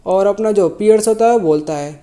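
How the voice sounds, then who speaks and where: A man with a high, mellow voice recaps a manhwa a little fast. He has a sore throat and isn't feeling well. His delivery is loose, full of self-corrections and mid-sentence rephrasings.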